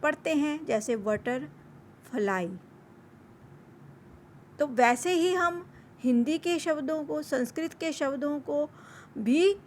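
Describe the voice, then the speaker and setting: A woman's voice: high-pitched, slight background noise. A woman teaching an online lesson, repeating each word for pronunciation and mixing English words into her explanations.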